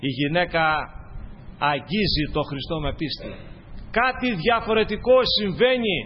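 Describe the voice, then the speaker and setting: A man's voice: sits high, slight background noise. A man preaching a sermon to his congregation, building his points through fervent, repetitive lists. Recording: dull lo-fi recording.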